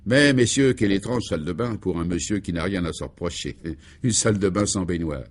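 A man playing an excitable, pompous male security chief in a radio serial, who talks in an emphatic, declamatory way. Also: sits low, fairly quick. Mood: indignant. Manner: agitated and exclamatory. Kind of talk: 1950s-style French radio serial acting.

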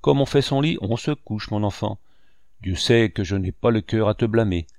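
A man's voice: fairly low pitch, normal speed, darkish tone, no echo, clean studio sound, close to an everyday voice. A man reading a grave, kindly old ship's doctor. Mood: earnest. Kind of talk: audiobook dialogue reading.

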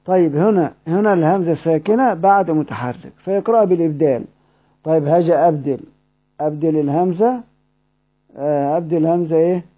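A man with an Egyptian Arabic accent teaching Quran recitation, explaining a poem line by line, asking the class questions and slowly repeating words. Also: on the high side, dull audio.

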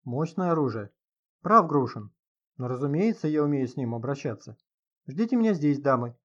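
A man's voice: medium pitch, very animated, normal speed, dull audio. A man reading an audiobook, voicing a self-assured gun collector who talks in a curt, confident way.

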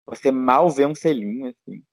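A Brazilian man who teaches abroad appears as a guest in a casual interview, rambling with many fillers and restarts. His voice is mid-range at a moderate pace, on a dry recording.

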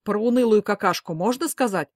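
A woman voicing an angry, protective middle-aged father who talks in loud, blustering outbursts. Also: mid-range voice, brisk, dry recording, clean studio sound, lightly acted. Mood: indignant.

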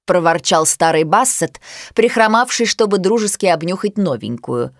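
A woman's voice: on the low side, expressive, normal speed, no echo, studio quality. Woman reading a children's storybook. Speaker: narrator.

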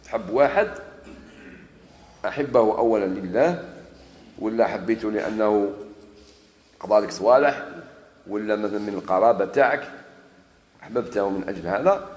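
A man with an Algerian accent preaching a sermon, moving between solemn scripture recitation and lively everyday dialect. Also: lowish voice, roomy sound, in a large hall. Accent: Algerian Arabic. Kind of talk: sermon mixing classical Arabic and dialect.

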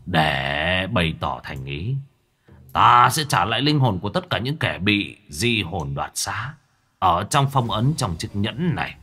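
A man's voice: deep voice, sing-song, pushed and bright, slightly rough, heavily acted. Man voicing Lão Cửu, menacing old sorcerer ghost. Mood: scheming. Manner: slow, menacing, cackling. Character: evil centuries-old male sorcerer ghost, scheming.

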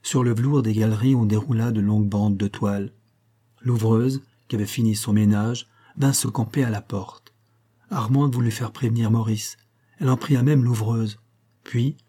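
A man narrating a classic French novel as an audiobook, at a measured, even pace. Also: mid-range voice, breathy edge. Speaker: audiobook reader.

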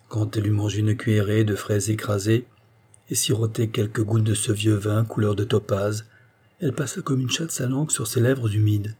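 A man narrating a classic novel as an audiobook in a calm, measured way. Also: lowish voice, husky.

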